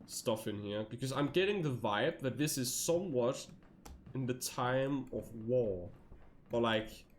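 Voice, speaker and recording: A man's voice: unhurried, slight background noise. A man streaming a horror game, talking in a rambling, casual way and laughing often. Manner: rambling, laughs often, jumps to high yelps. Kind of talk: casual gameplay commentary.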